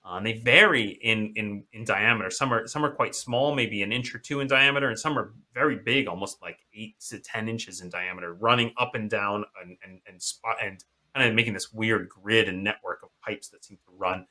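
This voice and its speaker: A man's voice: fairly low pitch, pushed and bright. A man narrating a horror tabletop game as game master, often restarting his phrases and filling gaps with "uh" and "um". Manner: halting, many restarts and fillers.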